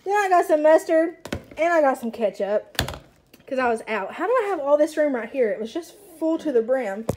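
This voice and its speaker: A young woman chatting excitedly as she unpacks groceries at home, with self-mocking asides and bursts of delight. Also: high voice, brisk, slight background noise. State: out of breath. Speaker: stay-at-home mom vlogger. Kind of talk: casual grocery haul chat. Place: home kitchen. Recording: rustling bags and clicks behind.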